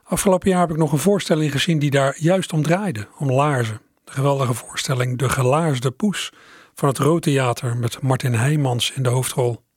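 Middle-aged male radio host, slightly husky, close and dry, relaxed reflective chat. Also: mid-range voice, normal speed, no room sound. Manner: musing, conversational, addresses listeners directly. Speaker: radio presenter.

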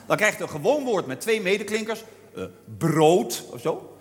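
A man telling a humorous story about a pub, imitating drawn-out Amsterdam singing. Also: high voice, in a large hall, slight background noise. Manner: lively, imitates Amsterdam singers with drawn-out vowels. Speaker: storyteller on stage.

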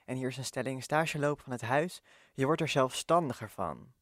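A young co-host steers a casual student chat with questions. The voice is mid-pitched and inquisitive. The recording is dry. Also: moderate pace, a bit bright, no echo. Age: young adult. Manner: inquisitive, leads topics. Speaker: podcast co-host.

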